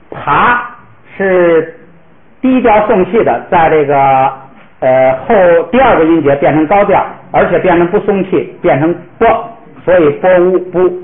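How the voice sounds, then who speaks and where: A man teaching a classroom pronunciation lesson, patiently modeling words slowly for the class to repeat. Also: on the high side, lively intonation. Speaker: language teacher. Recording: echoey room, tinny phone-like sound.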